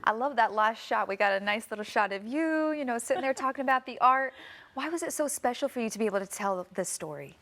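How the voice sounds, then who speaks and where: A woman's voice: on the high side, expressive, fast, a bit bright. A young woman in her twenties hosting a studio TV talk show, upbeat and gushing as she interviews a guest. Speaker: TV show host. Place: TV studio set. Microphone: lapel mic.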